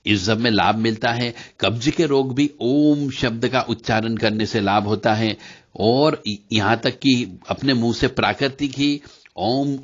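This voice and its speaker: A man gives an instructive devotional lecture on mantras, speaking directly to his listeners at a mid pitch. He stops now and then to chant syllables slowly. The recording sounds slightly dull and lo-fi. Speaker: spiritual teacher.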